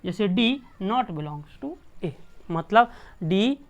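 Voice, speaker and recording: A woman's voice: medium pitch, lively intonation, very slow, lo-fi sound. A woman from India teaching a math class, explaining patiently and repeating each point with check-ins to the students.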